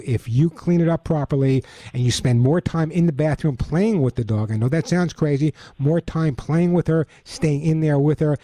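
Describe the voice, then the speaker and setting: Mellow American man hosting pet radio. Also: medium pitch, dry recording. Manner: emphatic, repeats points for effect. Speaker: radio host and pet advice expert. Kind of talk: live call-in radio show with self-read product plugs.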